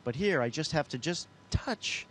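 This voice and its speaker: On a noisy downlink from a space station, a male astronaut takes questions over the space-to-ground radio. His voice sits on the high side and sounds animated and fairly bright, at a normal speed.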